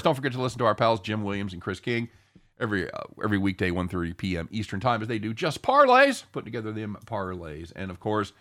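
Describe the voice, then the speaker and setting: A man's voice: on the low side, a bit bright. A man hosting a live sports betting show in casual, jokey banter, irreverent and given to casual swearing.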